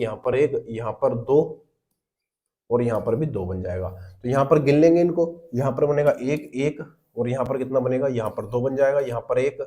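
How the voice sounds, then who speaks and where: A man's voice: mid-range voice, dark tone. A man teaching an exam-prep lesson, explaining step by step and answering his own questions, often calling the listeners brother.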